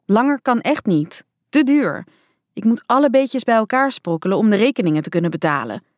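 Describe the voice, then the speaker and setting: A woman's voice: a little high, expressive, fairly quick, no echo, natural voice. Storybook mother read by a woman: stressed, firm, pressing her point, dry sound. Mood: insistent. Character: worried mother short of money.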